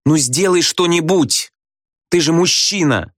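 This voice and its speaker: A man reading a story aloud, voicing a bitter, scornful young wife who scolds her husband in quick reproachful outbursts. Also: on the high side, no room sound, studio quality, pitched above the performer's own voice. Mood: shrill.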